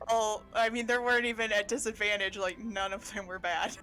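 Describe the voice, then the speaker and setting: A woman's voice: medium pitch, little pitch movement, brisk, sharp tone, faint music behind. A woman playing a tabletop game, chatting and bantering casually with the group.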